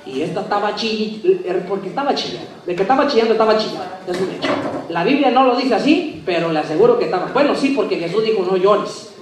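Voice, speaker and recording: A man's voice: high voice, expressive, quick pace, recorded from a distance. Male preacher ringing through an echoey hall. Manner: swings between soft asides and loud emphatic preaching, asks the audience questions.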